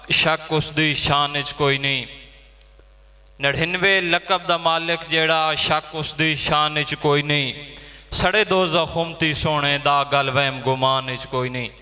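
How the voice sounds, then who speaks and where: High, bright Punjabi poet declaiming verse. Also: male voice. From Pakistan. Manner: declaims couplets, repeating each line, thanks listeners between verses. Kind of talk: reciting poetry at a mushaira. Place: stage at a poetry gathering. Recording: long hall reverb.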